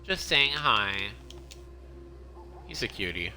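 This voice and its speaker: A man's voice: mid-range voice, sing-song, slow, bright, forceful tone, slight background noise. A man streaming a game, chatting casually and rambling as he plays, often stopping and restarting his sentences. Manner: rambling, self-interrupting, chatty. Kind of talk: casual gameplay commentary.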